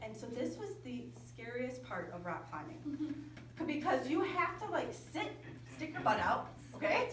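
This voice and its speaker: A woman camp speaker telling a story in a lively sermon to young people. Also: sits high, unhurried, a little hiss or hum. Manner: lively, animated storytelling with quoted dialogue. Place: large indoor hall at a winter camp. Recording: echoey hall from far off.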